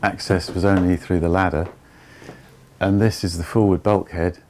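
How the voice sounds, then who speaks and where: A man in his fifties giving a measured, step-by-step tour of an old barge's wooden hold. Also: deep voice, flat delivery, darkish tone. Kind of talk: explanatory walking tour.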